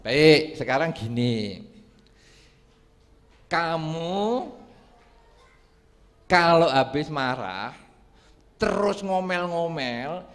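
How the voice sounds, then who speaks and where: Male monk with a Javanese accent, slightly high voice, animated sermon storytelling, reverberant hall. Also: extremely slow, pauses often. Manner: animated storytelling, acting out quarrels in shifting voices. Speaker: Buddhist monk giving a dharma talk. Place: large hall with audience.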